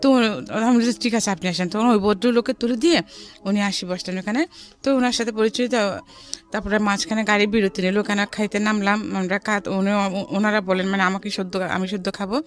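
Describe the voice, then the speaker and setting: Her medium-pitched voice is brisk with fairly even intonation as this middle-aged woman, speaking with a Bangladeshi accent, recounts her life in a conversational way. She sprinkles in some English words, and music sits behind her voice.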